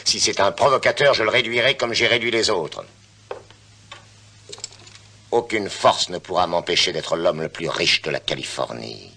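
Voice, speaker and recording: An actor playing a greedy, ruthless military commandant, curt and imperious, in a dubbed TV adventure. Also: male voice, low voice, animated, normal speed, creaky, pauses often, bright, forceful tone, husky, full character voice. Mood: cold, menacing. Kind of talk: French-dubbed television adventure acting.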